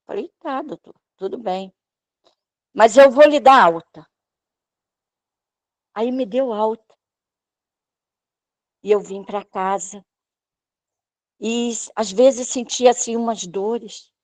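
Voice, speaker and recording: A woman's voice: medium pitch, slow, pauses often, a little mellow, no room sound. A woman, giving a personal healing testimony at a church service and acting out what the doctors said. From Brazil. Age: 60s. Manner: emotional storytelling, acting out the doctors' lines.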